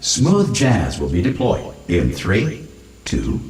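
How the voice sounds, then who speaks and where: An actor playing a calm, cheerfully callous recorded announcer in a video game, giving formal instructions in an unflappable deadpan. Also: male voice, on the low side, slow, creaky, full character voice. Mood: deadpan reassuring. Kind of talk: scripted public-address announcement in a video game. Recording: echoey announcer sound, game music behind.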